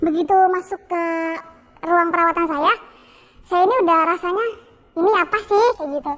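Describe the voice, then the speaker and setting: A young woman guest telling her own story in a halting, repetitive way with many fillers. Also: very high-pitched, fairly even intonation, a bit bright. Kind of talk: personal testimony.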